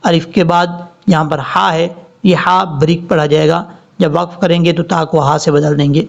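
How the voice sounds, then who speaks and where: A man teaching Quran recitation word by word, drawing out each word slowly and then explaining the rules in plain speech. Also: a little high, fairly even intonation, creaky. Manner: slow drawn-out recitation between plain explanations. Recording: dull lo-fi recording.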